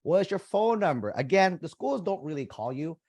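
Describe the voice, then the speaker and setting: This young admissions coach, a native Vietnamese speaker, has a fairly high, darkish voice and talks briskly and with a lot of animation, with no echo around him. Casual and conversational, he guides "you guys" through each stage of an online application in a screen-share walkthrough.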